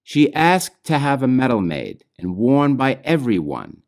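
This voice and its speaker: Here the author of a children's book, a man with a medium-pitched voice, reads its rhyming verse over music. He delivers it expressively and at a measured pace, letting each phrase ending fade gently.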